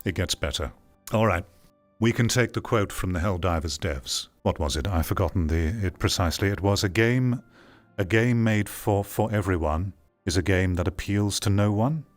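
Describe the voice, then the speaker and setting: Faint music plays behind this video commentator, whose deep voice moves at a moderate pace. He reads bits of an article out loud and pushes back on them in a blunt, dismissive, argumentative style.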